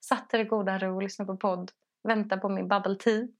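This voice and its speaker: A woman, co-hosting a casual podcast chat, telling a story with lots of laughter and acted-out voices. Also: mid-range voice. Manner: animated storyteller, acts out quoted voices, laughs often. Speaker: podcast co-host.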